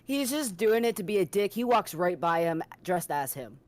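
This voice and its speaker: A woman's voice: fairly low pitch, sing-song, moderate pace. A woman playing in a tabletop game, chatty and amused. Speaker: player.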